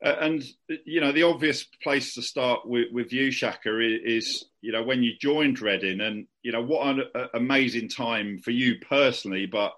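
A man's voice: mid-range voice, moderate pace, few pauses, a bit bright. A man hosting a podcast, asking long, chatty questions full of restarts and fillers. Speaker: podcast host. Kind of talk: casual podcast interview.

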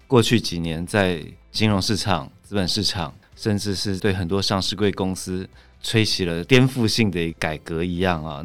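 A Taiwanese man with a deep, low voice hosts a conversational show in the manner of a public radio host. He addresses listeners and explains as he goes, with faint music in the recording. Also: no echo. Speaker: host, magazine editor-in-chief. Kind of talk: conversational podcast hosting.

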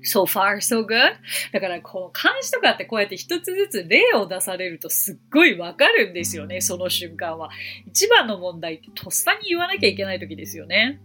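A woman teaching English on a podcast, explaining and slowing down for examples. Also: medium pitch, sing-song, bright, forceful tone, breathy edge, soft background music. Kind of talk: podcast lesson.

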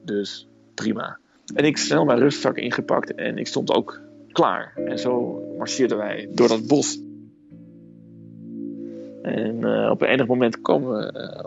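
A man with a gravelly voice telling a personal story, recorded dull and lo-fi with faint music. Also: mid-range voice.

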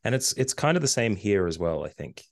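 A man's voice: fairly low pitch, fairly quick, creaky, no echo. A middle-aged Australian man, a podcast guest, chatting casually with hesitant fillers. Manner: relaxed, rambling with fillers and hesitations. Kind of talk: casual conversation.

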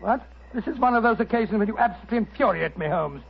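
A loyal, flustered doctor, bluff and easily exasperated, stumbling over his words. His voice sits high for a man. It comes through a muffled old radio broadcast. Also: animated, fast talker, creaky, breathy edge, full character voice. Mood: flustered, narrating. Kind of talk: 1940s radio acting.

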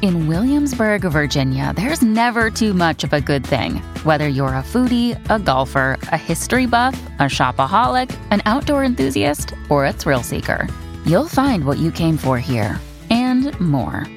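Female ad read, sing-song lively delivery over faint music. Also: fairly low pitch, normal speed.

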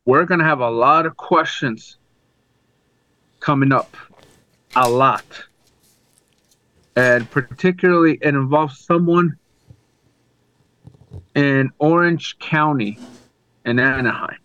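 A man co-hosting a podcast, chatting casually about sports, halting and restarting his sentences often. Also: medium pitch, pushed and bright, lo-fi sound. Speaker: podcast co-host.

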